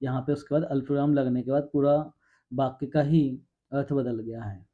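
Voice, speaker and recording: A man's voice: medium pitch, fairly even intonation, moderate pace. A man teaching a Hindi grammar coaching class, explaining step by step and reading out examples. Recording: dull lo-fi sound.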